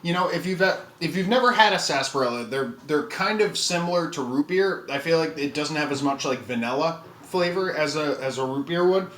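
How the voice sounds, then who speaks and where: A man streaming a casual taste test, chatting in a relaxed way and thinking aloud with frequent fillers. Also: fairly high pitch. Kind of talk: casual live-stream chat. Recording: roomy with faint background noise.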